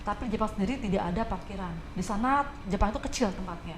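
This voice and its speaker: Her mid-range voice moving fast, an Indonesian-accented woman chats casually as a guest on a talk show. She brings her stories to life by acting out the people she quotes, recorded in an echoey room with faint background noise.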